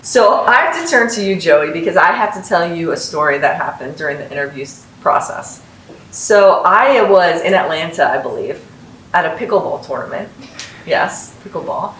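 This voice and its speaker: Her voice is on the low side, animated, a bit bright, and at normal speed as she hosts a relaxed podcast with cheerful, supportive advice for students. She is the host and a company founder, speaking from an echoey room in a North Las Vegas house, with roomy echo, a distant mic and faint hiss.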